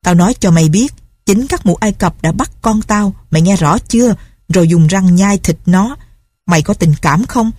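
A woman's voice: mid-range voice, normal speed, darkish tone, no room sound, natural voice. A woman reading a storybook, voicing a bitter, grief-crazed older woman who threatens a girl harshly. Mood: vengeful. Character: grief-crazed vengeful older female recluse.

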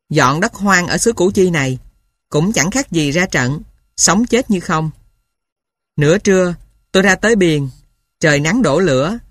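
A woman narrating a story in the first person, steady and storytelling. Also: on the low side, no room sound, studio quality. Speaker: audiobook narrator.

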